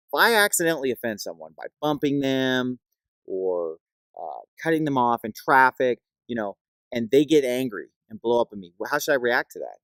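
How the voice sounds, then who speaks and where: A man's voice: mid-range voice, dry recording. A man hosting a casual discussion, asking questions and quoting scripture. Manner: inquisitive, steers the talk with questions and scripture quotes.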